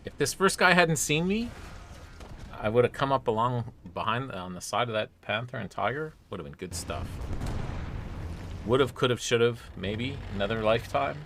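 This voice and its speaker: A man streaming a game live, talking excitedly to himself and a teammate and swearing now and then. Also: mid-range voice, normal speed, slight background noise. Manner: excitable, swears, rambles aloud during play. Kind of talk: live gameplay commentary. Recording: loud game sounds behind.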